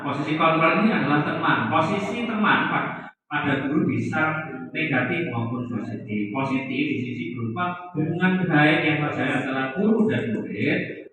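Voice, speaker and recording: A man's voice: on the high side, fairly bright tone, slight background noise. A man, a teacher giving a hesitant, explanatory presentation full of fillers. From Central Java, Indonesia. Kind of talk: presentation on classroom discipline. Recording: echoey hall, far from mic, dull.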